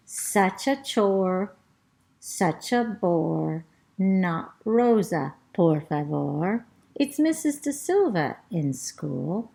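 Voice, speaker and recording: A talkative classroom parrot tells the story in a children's storybook reading, as a woman reads it aloud. The delivery is slow and unhurried, with pitch that rises and falls in a lively sing-song, and rhymes are drawn out. The voice sits at a middle pitch for a woman. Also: gravelly, exaggerated voice. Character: chatty, fussy pet parrot narrating as a female classroom pet. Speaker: storybook reader.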